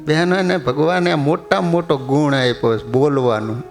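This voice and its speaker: A man preaching a sermon, telling humorous stories and chanting verses slowly. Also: fairly high pitch, steady tone, over music. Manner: storytelling, quotes verses in slow chant.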